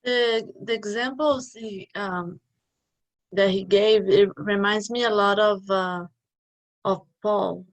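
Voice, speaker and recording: Slow, reflective woman in discussion. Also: mid-range voice, fairly even intonation, rough recording. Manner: reflective, casual, with fillers. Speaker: study group member. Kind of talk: casual spiritual study discussion.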